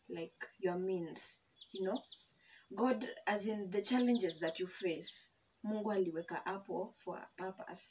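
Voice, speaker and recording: A woman's voice: mid-range voice, darkish tone. A young woman with a Kenyan accent chatting casually to her viewers while eating, grateful and open. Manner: chatty, code-switching, emotional and grateful. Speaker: vlogger. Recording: distant mic, dull sound, faint background hum.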